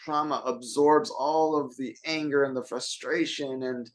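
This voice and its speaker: A man's voice: medium pitch, steady tone, unhurried. Conversational man telling a story. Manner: storytelling, conversational, many fillers. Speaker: co-host. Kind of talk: casual self-help talk.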